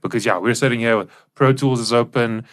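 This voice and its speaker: A South African man co-hosts a podcast from a professional studio, explaining things casually and informally into the mic. His voice sits at medium pitch and moves briskly.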